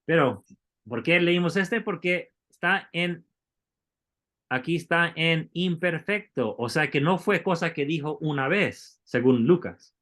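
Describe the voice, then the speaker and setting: A man's voice: on the high side, measured pace, a bit bright. A man teaching a Bible Greek class, explaining step by step and asking the students questions. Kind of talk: classroom lecture.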